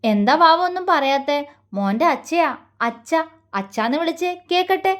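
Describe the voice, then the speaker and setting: A young male doctor with a teasing, mocking edge, put on by a woman reading a romance story. He slips into cooing baby talk and then scornful jabs, all in a high voice. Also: lively intonation, moderate pace, fairly bright tone. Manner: playful baby talk turning to scornful taunts.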